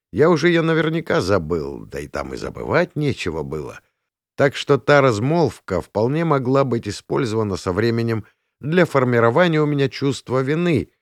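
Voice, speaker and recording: A man reading a first-person story aloud in a wry, expressive storytelling manner. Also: medium pitch, no echo, clean studio sound. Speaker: audiobook narrator. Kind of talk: first-person scripted narration.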